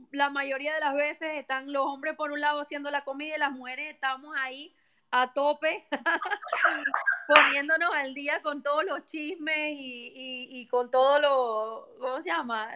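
Her high voice is steady, a little slow, pushed and bright. This friendly Venezuelan real estate agent is a guest on a live stream, chatting casually in an interview format, laughing easily and often restarting or filling pauses.

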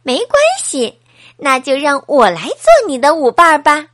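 A woman voicing a kind, lively young boy hedgehog friend who talks loud, fast and eager in a children's story. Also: high-pitched.

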